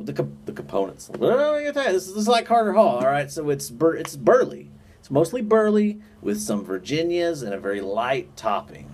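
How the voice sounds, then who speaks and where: A man's voice: mid-range voice, a little mellow. A man giving a chatty, informal and emphatic product review as an enthusiastic hobbyist reviewer. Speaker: pipe tobacco reviewer. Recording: noticeable background noise.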